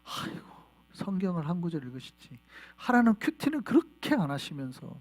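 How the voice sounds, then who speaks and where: Animated male pastor preaching. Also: high-pitched, moderate pace. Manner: animated, asks the congregation questions. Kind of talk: sermon. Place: church sanctuary.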